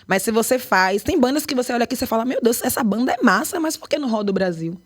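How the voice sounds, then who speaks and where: A woman's voice: on the high side, racing, breathy edge. Emphatic Bahian woman choreographer. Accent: Bahian Portuguese. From Brazil, Bahia. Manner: animated, emphatic, lively storytelling. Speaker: dance choreographer and artistic director. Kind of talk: podcast interview.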